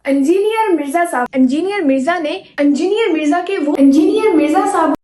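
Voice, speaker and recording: A man mimicking a shrill woman, echoey. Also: a little fast, darkish tone. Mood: mocking.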